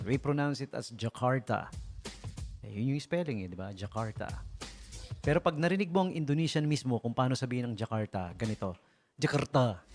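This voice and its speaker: Man, radio DJ, joking, chuckling, lively pitch, music underneath. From Philippines. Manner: joking, chuckling often, animated. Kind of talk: casual radio storytelling. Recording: radio broadcast with music behind.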